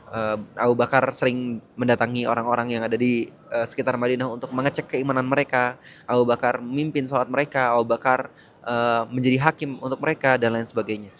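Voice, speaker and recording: A man's voice: mid-range voice, little pitch movement, fast talker, fairly bright tone, slight background noise. Chatty male storyteller in a busy public place. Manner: chatty, hesitant with many fillers. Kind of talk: casual religious storytelling. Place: public place getting crowded.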